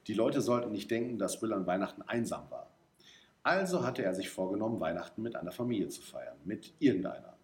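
A man reading a story aloud as narrator, in a lively, expressive way. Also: on the low side. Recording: roomy echo.

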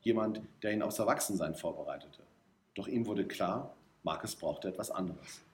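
A man reading a story aloud as narrator, in a lively, expressive way. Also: low-pitched, moderate pace, a little hiss or hum. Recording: roomy echo.

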